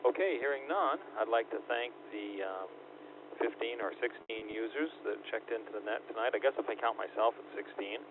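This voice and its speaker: A man acting as net control for a radio net, his voice a little low and pausing often on ums and uhs. He comes through a narrow, tinny two-way radio channel, with a faint hiss of static underneath. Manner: hesitant, many ums and uhs. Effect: two-way radio transmission with static. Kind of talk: hosting an on-air radio net.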